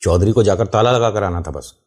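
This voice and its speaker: A man narrates a first-person horror story in a relaxed, conversational way. His voice is low and dark with a husky grain. He addresses the listener directly and walks through where everything was. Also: fairly quick.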